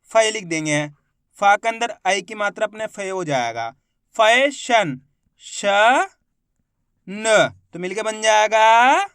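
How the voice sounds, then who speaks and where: A man teaching Hindi reading in a slow classroom style, sounding out words syllable by syllable and asking the viewer repeated questions. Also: sits high, pushed and bright, clear, resonant tone, dry recording, clean studio sound.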